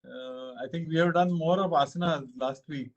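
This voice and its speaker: A man, reflecting informally to a group in a halting, hesitant way with frequent pauses. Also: on the high side, dull audio.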